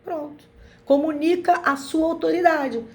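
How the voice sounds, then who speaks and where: A middle-aged woman talking casually to an online group as guest speaker, lively, often acting out quoted family dialogue in other voices. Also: on the high side, moderate pace.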